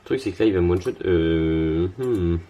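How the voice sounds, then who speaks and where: A man's voice: sits low, moderate pace, mellow. A young man casually commenting on his card game as he plays, thinking aloud with lots of fillers and restarts, tired and yawning.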